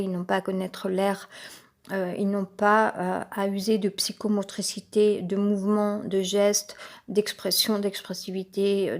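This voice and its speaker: A woman with a head cold talks on her own in a medium-pitched, slightly mellow voice that sounds a little congested. She rambles in a personal, unscripted way, halting often with fillers and restarting her sentences.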